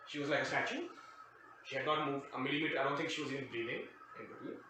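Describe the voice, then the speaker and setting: Medium in pitch but racing along, the man's pushed, bright voice delivers a casual funny story laced with sarcasm and digressions. He hosts a storytime show and was raised outside his present country. It was recorded on a distant mic in a very echoey room with faint noise.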